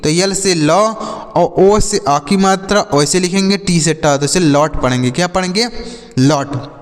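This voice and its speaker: Speaking unhurriedly in a high register, a man leads an English phonics class delivered in Hindi. The recording has a big-room sound, and his style is patient and repetitive, with self-answered questions.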